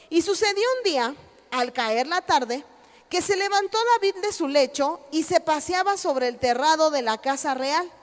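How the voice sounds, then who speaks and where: High-voiced woman pastor preaching in a hall. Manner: emphatic preaching, acts out God's encouraging voice loudly. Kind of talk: sermon.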